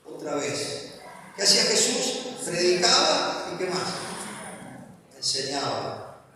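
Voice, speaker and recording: A man's voice: high-pitched, sing-song, slow, pushed and bright, a little hiss or hum. A man preaching a sermon emphatically, asking the congregation for responses. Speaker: pastor. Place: church hall. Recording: echoey hall from far off.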